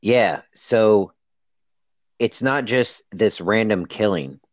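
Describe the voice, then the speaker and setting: A man co-hosting a podcast over an online voice call, chatting animatedly with quick reactions and frequent restarts. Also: lowish voice, dry recording. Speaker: podcast co-host. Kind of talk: casual book discussion chat.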